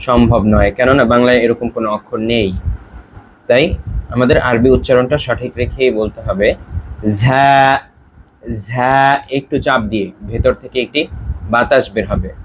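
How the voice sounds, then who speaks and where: A man teaching the Arabic alphabet from slides, saying each letter slowly and repeating the hard ones. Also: medium pitch, a little hiss or hum, poor audio. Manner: slow, deliberate letter drills with repetition. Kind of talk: slide-based lesson.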